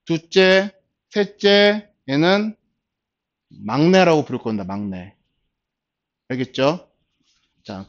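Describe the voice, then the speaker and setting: Patient man lecturing, lo-fi recording. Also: high voice. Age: 40s. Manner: starts phrases with a drawn-out filler, slow and patient. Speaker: instructor. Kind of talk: classroom lecture.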